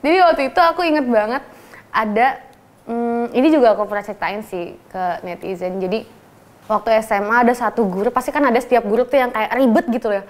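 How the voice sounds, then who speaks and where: A woman's voice: on the high side, fast talker. A young woman, telling a story casually and acting out quotes with lots of energy and laughter. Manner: animated, acts out quotes loudly, laughs often.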